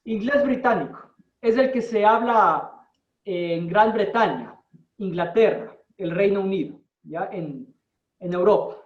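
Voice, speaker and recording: A man teaching an English class in Spanish, explaining slowly and deliberately and checking in with his students. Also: sits high. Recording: distant, roomy, dull-sounding.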